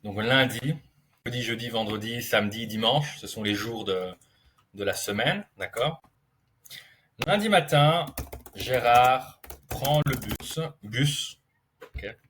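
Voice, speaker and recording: Guy tutor telling a goofy story super slow, bright voice, keeps repeating words. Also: lowish voice, slight background noise. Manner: playful, repeats key words slowly, checks understanding. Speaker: language tutor. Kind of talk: slow storytelling lesson for beginners.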